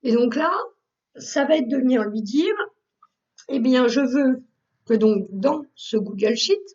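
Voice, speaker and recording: A woman who trains people on Google Workspace, explaining a software task step by step with frequent fillers, recorded as a screen tutorial. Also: a little high, gravelly, recorded from a distance, dull audio.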